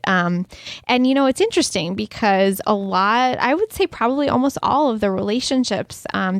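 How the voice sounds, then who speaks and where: A woman's voice: medium pitch, dry recording, clean studio sound. A woman in her thirties co-hosting a podcast, talking in a chatty, reflective way and laughing often. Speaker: podcast co-host. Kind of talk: casual podcast chat.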